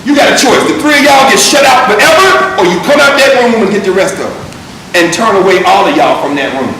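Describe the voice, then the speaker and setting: A man teaching a university class, reading from a text and breaking into animated, emphatic asides. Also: high voice, brisk, gravelly, distant mic, soft background music, a faint crowd. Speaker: university lecturer. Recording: echoey lecture room recorded from afar.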